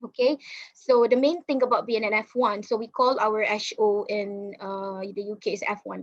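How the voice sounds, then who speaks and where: A young woman doctor giving an informal webinar talk, halting with many fillers and restarts, recorded on a computer mic during a video call. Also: medium pitch. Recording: slightly dull lo-fi webinar audio.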